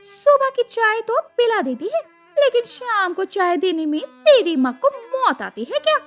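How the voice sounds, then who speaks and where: Shrill, cruel mother-in-law. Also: sing-song, unhurried, a bit bright, faint music behind, exaggerated voice. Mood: shrieking abuse. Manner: shrieking, taunting, cackling. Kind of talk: cartoon story voice acting.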